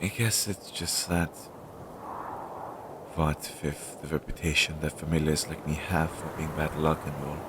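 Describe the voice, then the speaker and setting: Playing a magical familiar who is anxious, self-doubting and devoted to his master, a male voice actor speaks slowly in a low register with a level tone. He comes across as nervous and reflective, hesitating, halting and fretting. This one-sided scripted audio roleplay has low-fidelity sound with clear background noise.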